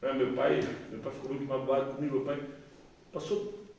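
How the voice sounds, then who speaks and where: A Brazilian psychologist giving an informal recovery testimony talk, colloquial and animated, acting out dialogue. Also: male voice, medium pitch, brisk, vocal fry, a little hiss or hum. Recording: echoey room, far from mic.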